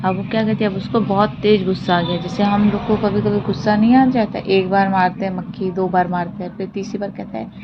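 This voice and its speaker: A woman teacher reads a story passage aloud and then walks young pupils back through it in plain words, asking her own questions and answering them. The recording is dull and lo-fi, with a steady hiss behind her voice. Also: medium pitch, brisk, few pauses. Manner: mixes English words into Hindi. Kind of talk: explaining a textbook story. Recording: dull lo-fi audio with clear hiss.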